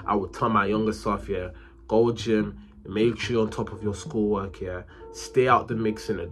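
Young guy chatting to cam in his room, kinda low voice, lots of slang, bit of music behind. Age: young adult. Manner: animated, slangy, hands moving while talking. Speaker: vlogger. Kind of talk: casual talk to camera. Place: small bedroom, indoors.

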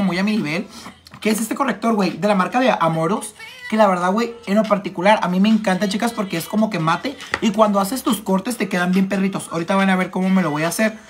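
Camp Mexican man with a cold. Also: high-pitched. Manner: camp, flamboyant and gossipy, playful swearing. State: coming down with a cold, clearing throat. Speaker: makeup livestreamer. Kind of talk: casual live chat, reading comments aloud.

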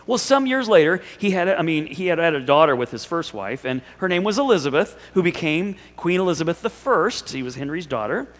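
A man's voice: fairly high pitch, very animated, brisk, few pauses, long reverb tail. A male pastor preaching a sermon, telling it like a story in a conversational way and asking the congregation rhetorical questions. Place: church sanctuary.

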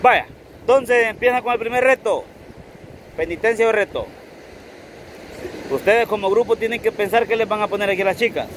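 A man with a Salvadoran accent hosting an outdoor TV game, teasing and giving instructions in a casual, lively way. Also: high-pitched, moderate pace, pauses often, a little hiss or hum. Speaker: TV game host. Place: outdoors on a sandy shore.

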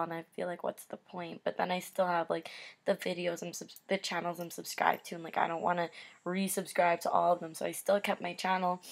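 A woman's voice: lowish voice, vocal fry. Hesitant young woman talking through a retainer. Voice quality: slurred speech from a dental retainer. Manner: rambling, hesitant, apologetic. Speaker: YouTuber. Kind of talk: casual vlog update.

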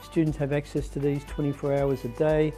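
An older man from a college's staff speaks in a promotional video. He talks steadily and sounds sure of himself, with a mellow tone. Guitar music plays quietly behind him. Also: a little high, level tone, a little fast. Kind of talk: promotional interview.

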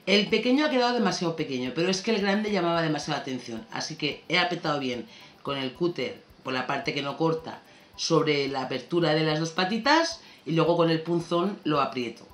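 A woman's voice: low-pitched, brisk. Chatty woman narrating a craft tutorial. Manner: chatty, relaxed, thinking aloud while working. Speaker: scrapbooking tutorial host. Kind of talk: casual craft tutorial voice-over. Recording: roomy sound with faint background music.

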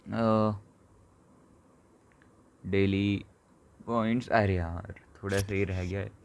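A man with a fairly low voice talks through a mobile football game as he plays it. His commentary is casual and excitable, full of quick exclamations, and he addresses his viewers like friends. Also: gravelly, noisy background. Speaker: gaming channel host. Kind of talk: casual live gameplay commentary.

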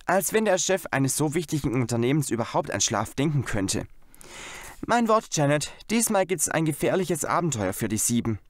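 Storybook boy leader, bossy and keen, voice raised and lively, as a male reader puts him on. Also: on the high side, moderate pace, dry recording, clean studio sound, pitched above the performer's own voice. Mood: proud.

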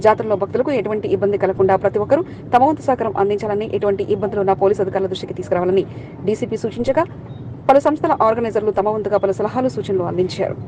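A woman's voice: medium pitch, dull audio, slight background noise. A woman reading scripted local news as a voice-over, rattling through long lists of names. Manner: rapid, even newsreading through long name lists. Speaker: news reader.

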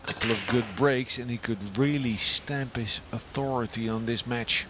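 A man from Europe commentating live on a pool match, calmly explaining each shot and position. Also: mid-range voice, background noise. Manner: measured, analytical shot-by-shot explanation.

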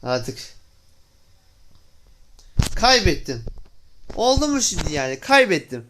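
A man's voice: a little high, very animated, slow pace, fairly bright tone, a little hiss or hum. A young man hosting a gaming channel, giving casual commentary on his play, exclaiming in frustration and talking to viewers as friends.

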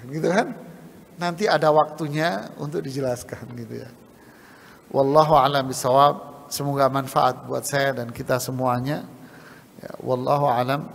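A man preaching a sermon in a mosque, lively, and he often mimics scoffers and salesmen in quick asides. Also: medium pitch, vocal fry, long reverb tail, slight background noise. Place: mosque hall.

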